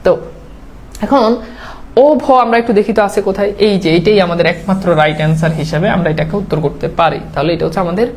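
A woman teaching an online admission exam lesson over slides. She explains rules step by step, mixes in English words and keeps checking understanding with quick tag questions. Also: lowish voice, darkish tone, a little hiss or hum.

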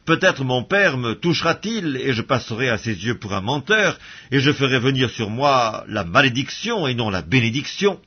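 A man's voice: medium pitch, lively intonation, normal speed, breathy edge. Man reading an anxious younger son. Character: anxious younger son deceiving his father. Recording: dull lo-fi audio.

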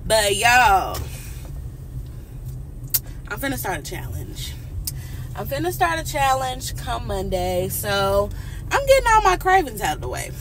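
A woman's voice: on the high side, huge pitch swings, a little slow, long pauses, fairly bright tone. A woman vlogging in a casual, upbeat way who keeps calling her viewers honey and y'all. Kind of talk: casual chatty vlog talk. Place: inside a car. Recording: car noise in the background.

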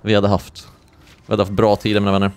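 A young man from Sweden commentating his own gameplay live, excitable and quick to yelp when something surprises him. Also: slight background noise. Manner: excitable, swings into high-pitched yelps when surprised. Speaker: gaming streamer.

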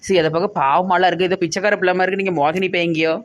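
A woman's voice: lowish voice, steady tone, racing, lightly acted. A woman playing a chatty, easily scared young village woman in a comedy skit, with a Tirunelveli Tamil accent and exclaiming banter. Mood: curious.

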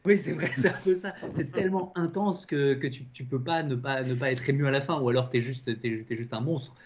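Halting man critic, faint hiss behind. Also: medium pitch, muffled recording. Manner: halting, repeats words, emphatic. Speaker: film critic. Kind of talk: casual film discussion.

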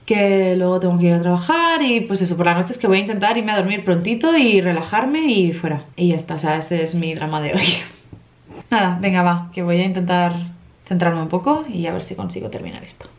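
A woman's voice: on the low side, lively intonation, fairly quick, roomy sound, muffled recording. A young woman from in her twenties, worn out from lack of sleep, rambling through a casual vlog with lots of fillers and emotional asides. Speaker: vlogger.

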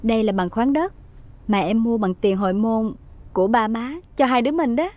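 A woman's voice: a little high, normal speed, darkish tone, lightly acted. An actress playing a cheerful young wife who giggles and coaxes her husband. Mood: coaxing. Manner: giggling, coaxing.

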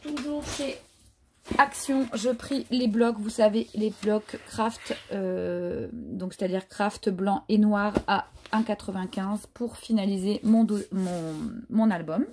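A woman's voice: medium pitch, slow pace, warm tone, a little hiss or hum. A woman chatting casually through a craft haul, hesitant and full of fillers. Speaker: craft vlogger. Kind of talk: casual haul show-and-tell.

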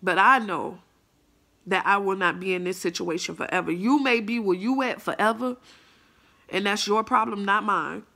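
Bright-voiced profane woman ranting. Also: medium pitch, moderate pace, vocal fry. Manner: blunt, profane, defiant. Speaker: mother ranting to camera. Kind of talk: angry monologue vlog.

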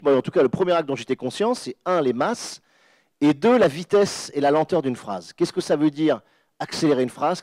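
A man's voice: medium pitch, a little mellow, dry recording. A man, a guest author on a panel, giving an emphatic spoken explanation with many restarts. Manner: emphatic, restarts and repeats words, acts out sounds. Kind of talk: animated lecture-style explanation.

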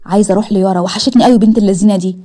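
A brash young joker with an Egyptian accent, as a woman reads him, full of cocky banter. The delivery is fast and husky, with a mellow tone. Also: mid-range voice, steady tone, close to an everyday voice. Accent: Egyptian Arabic.

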